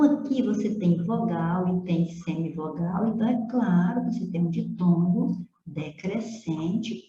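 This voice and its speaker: A woman language teacher talks slowly and methodically, with a very dark, mellow tone. She steps through each exercise and checks in with short questions. The recording sounds dull and a little roomy. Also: medium pitch. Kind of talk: explaining phonetics exercises.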